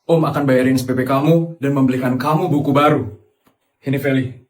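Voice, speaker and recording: A man voicing a generous, kindly uncle in a cartoon, speaking gently and reassuringly. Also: mid-range voice, fairly even intonation, fairly quick, close to an everyday voice. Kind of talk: cartoon voice acting.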